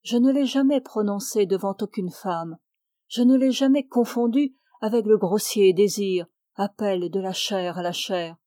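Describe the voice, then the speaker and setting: A woman reading the part of an earnest, devout young man who declares his love solemnly and pleads with fervour, in a slow, mellow voice. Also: mid-range voice, dry recording, studio quality, natural voice.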